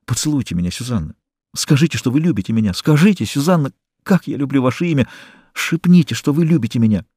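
A man's voice: medium pitch, animated, quick pace, darkish tone, husky, no room sound, studio quality, voice pushed up. A man voicing a passionate young male artist who pleads with the woman he loves, reading in an audiobook. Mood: pleading. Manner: pleading, impassioned.

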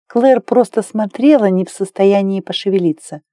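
This is a female audiobook narrator giving scripted narration in a soft, measured storytelling style. Her voice is mid-pitched, and the studio recording is clean with no room sound.

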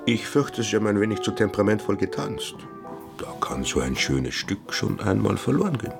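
An actor playing a courteous, measured gentleman thief in a radio play, polite and understated. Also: lowish voice, very animated, vocal fry, loud music behind the voice. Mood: suavely polite.

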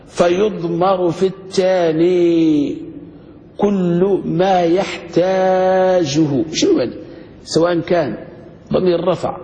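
A man, teaching a grammar lesson and quizzing his students, slowing down to spell out each example. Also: on the high side, mellow. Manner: asks students questions, slows to spell out examples. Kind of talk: classroom lesson. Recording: dull lo-fi recording with long reverb.

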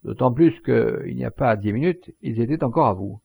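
Man reading as a gravelly, cheeky poacher. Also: medium pitch, animated, moderate pace, no room sound. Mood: sly. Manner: cheeky, shouted taunts. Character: crafty mocking male poacher, sly.

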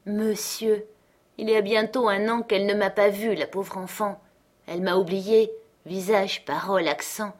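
A woman narrating a classic novel as an audiobook, expressive and dramatic, slowing down on key phrases. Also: mid-range voice. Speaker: audiobook reader.

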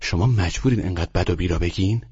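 A man's voice: sits low, dark tone, breathy edge, dull audio. Man putting on a curious teenage girl. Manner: persistent, questioning. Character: inquisitive polite teenage girl.

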